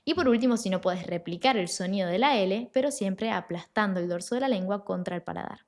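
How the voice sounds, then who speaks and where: This Italian language teacher, a woman with a middle-pitched, slightly mellow voice, gives a clear, patient online pronunciation lesson and takes each modeled sound slowly on purpose.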